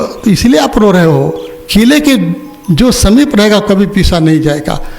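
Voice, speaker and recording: A man's voice: high voice, a little mellow. An older man giving a religious discourse, telling a story and asking his listeners questions. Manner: storytelling, asks the audience questions. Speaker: spiritual teacher. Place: ashram opening ceremony hall.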